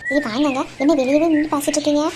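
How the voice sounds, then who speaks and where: A woman voicing a patient, forgiving mother in a cartoon, gently pleading with her husband. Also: high voice, little pitch movement, racing, noisy background, natural voice. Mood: pleading, gentle. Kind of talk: Tamil cartoon voice acting.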